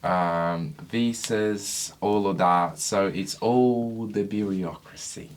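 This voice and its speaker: A man with a very low voice co-hosts a casual podcast in a dry, sardonic way. He calls himself grumpy and deflates things with deadpan asides. He grew up in Brazil. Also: slow. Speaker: podcast co-host.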